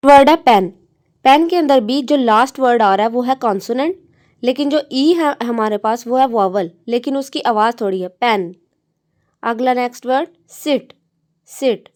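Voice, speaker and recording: A woman's voice: on the high side, darkish tone. Patient woman teaching syllables. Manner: patient, stretches out example words slowly; mixes English terms into Hindi-Urdu speech. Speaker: English teacher. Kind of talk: classroom explanation.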